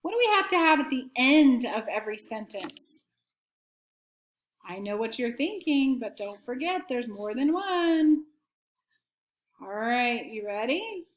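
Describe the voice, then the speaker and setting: A woman teacher giving an early-grade writing lesson and slow dictation to students at home, prompting them patiently. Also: high-pitched, reverberant.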